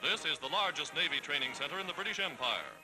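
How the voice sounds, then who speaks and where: An American man reads scripted 1940s newsreel narration in a formal, dramatic, declamatory way, his voice a little high, expressive and fast. It's a low-quality vintage newsreel soundtrack with loud music behind him.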